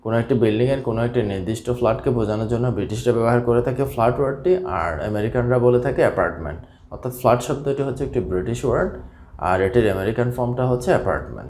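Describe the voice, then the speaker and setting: A man from Bangladesh teaching a scripted English vocabulary lesson, steadily repeating each key word slowly. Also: mid-range voice, a little mellow. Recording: echoey room.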